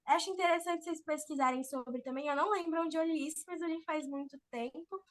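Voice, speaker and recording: A woman giving an informal online talk on public speaking, expressive and acting out the voices she quotes. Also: high-pitched, a little fast.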